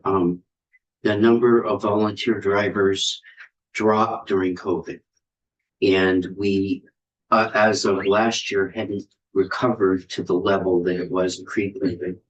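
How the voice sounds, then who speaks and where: Guy chairing a committee hearing, lowish voice, polite, lots of ums. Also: highs cut off. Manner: polite and courteous, with frequent "um" pauses. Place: legislative hearing room.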